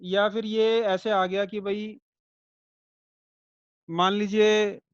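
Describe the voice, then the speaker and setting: A man's voice: sits high, level tone, extremely slow, smooth, no room sound, lo-fi sound. A man teaching an online astrology class, conversational, checking in with his students and explaining through everyday comparisons and light jokes.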